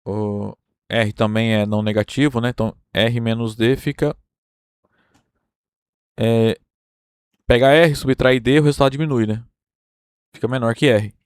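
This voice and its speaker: A Brazilian man lectures through a number theory proof at an unhurried pace, pausing often to check that his listeners follow. His voice sits at an ordinary middle pitch, recorded dry and close with little room sound. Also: fairly even intonation, darkish tone, smooth, no echo. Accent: Brazilian Portuguese. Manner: explains step by step, checking in with "tá?" and "né?". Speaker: university math lecturer.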